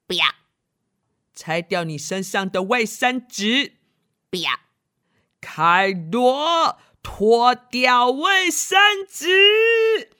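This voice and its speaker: A woman's voice: mid-range voice, expressive, slow pace, long pauses, bright, forceful tone. A woman doing an exasperated big brother bear. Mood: scolding. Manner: scolding, then giving up.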